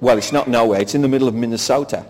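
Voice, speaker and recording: A man's voice: mid-range voice, slow pace, darkish tone. A man with an English accent preaching a sermon in short phrases for an interpreter, telling a humorous, self-mocking story. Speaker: pastor. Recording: hall reverb.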